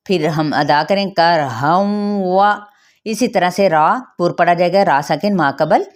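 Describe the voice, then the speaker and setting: A woman with a Pakistani Urdu accent teaching tajweed, explaining pronunciation rules step by step and reciting verses slowly. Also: on the low side.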